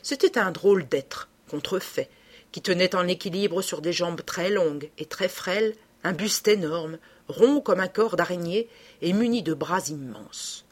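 A woman narrating a classic novel in an audiobook. Her voice is husky and somewhat low. She reads in a steady, expressive way. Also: measured pace.

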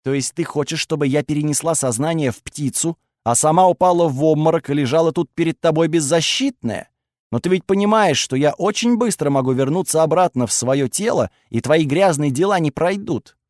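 Man putting on a furious young woman, raised and sharp. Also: on the high side, brisk, no room sound, studio quality, lightly acted. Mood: furious, accusing. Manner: sharp, accusing and shouting. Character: angry, defensive young woman with strange powers.

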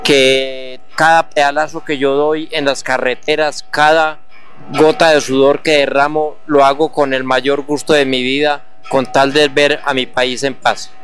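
A man with an Antioquian accent, a guest on a radio interview, speaking in an earnest, halting and grateful way. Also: mid-range voice, flat delivery, a bit bright, faint music behind. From Colombia. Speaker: guest, wheelchair traveler.

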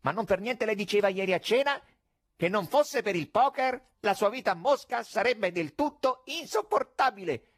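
Man voicing a demon conjurer, high husky voice, mocking, theatrical, storybook reading. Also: animated, moderate pace. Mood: teasing. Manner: theatrical, mocking, grandly polite. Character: sly showy male demon conjurer.

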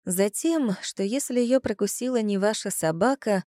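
Woman doing a feisty lady sleuth, fires off questions, mellow warm voice, dry sound. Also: mid-range voice, no room sound, close to an everyday voice. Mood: indignant. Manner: quick, indignant questioning. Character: lively, stubborn woman amateur detective. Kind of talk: audiobook character voice.

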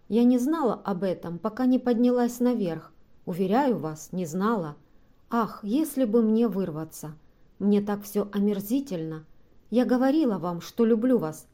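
A desperate young woman pleading in a tearful, imploring voice, as a female narrator reads her in an audiobook. The sound is mellow and warm, not bright. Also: mid-range voice, lightly acted. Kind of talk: audiobook reading.

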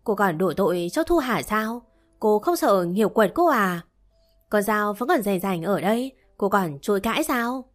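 A woman's voice: mid-range voice, expressive, unhurried, lightly acted. A woman reading the lines of a blunt young man who accuses another of lying, in a storybook reading. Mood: accusing.

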